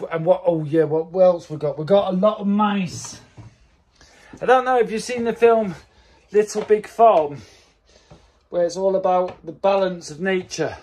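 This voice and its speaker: A farm owner in his forties films himself on a phone at arm's length while walking around his mountain farm, mostly outside but partly in a wooden kitchen. He rambles casually with fillers and restarts in a fairly high, slightly mellow voice.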